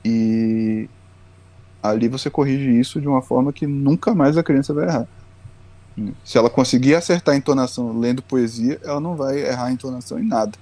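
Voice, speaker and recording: A man in a podcast interview with a warm, mellow tone and a middle-height voice. He explains patiently and methodically, like a teacher walking through a point. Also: medium pitch, steady tone, brisk. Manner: patient, lecturing, often tags lines with "né". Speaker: guest educator.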